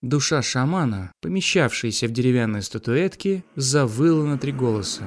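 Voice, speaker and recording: A man narrating a comic fantasy audiobook in a wry, lively way. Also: mid-range voice, moderate pace.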